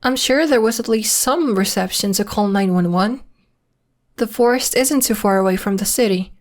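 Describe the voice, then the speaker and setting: Playing a protective, polite young werewolf who keeps secrets, this woman performs an ASMR roleplay with light acting at a medium pitch. She talks in a measured, hesitant and matter-of-fact manner, coming across as concerned and mildly reproving.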